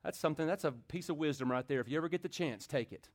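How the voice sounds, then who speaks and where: Male pastor, high-pitched, rhythmic call-and-response sermon delivery. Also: fast. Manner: swings from loud build-ups to quiet intimate talk.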